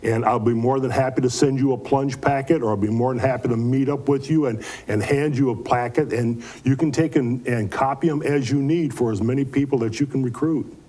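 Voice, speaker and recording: A man's voice: medium pitch, fairly even intonation, brisk, few pauses, dark tone. A man answering interview questions as a club event organizer, explaining things in a folksy, earnest way with repeated words.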